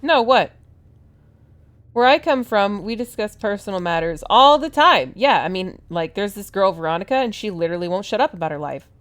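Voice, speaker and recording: A woman's voice: mid-range voice, animated, a little fast, fairly bright tone. A woman giving casual, playful commentary as she plays a game, reading dialogue choices and reacting aloud. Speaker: gamer playing through a game.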